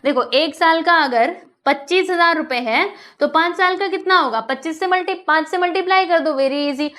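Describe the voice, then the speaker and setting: High-voiced woman teaching math. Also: normal speed, fairly bright tone. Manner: chatty, coaxing, asks students questions; mixes English terms into explanations. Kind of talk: online math lesson.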